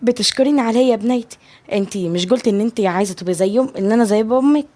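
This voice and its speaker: A woman with an Egyptian Arabic accent voicing a warm, affectionate older mother-in-law. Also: a little high, rapid-fire, lightly acted.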